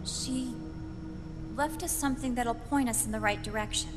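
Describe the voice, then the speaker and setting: An actress playing a grave older military commander in a video game, giving a deliberate, commanding briefing. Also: female voice, a little high, music in the background, close to an everyday voice. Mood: grave, resolute. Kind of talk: scripted video game voice acting.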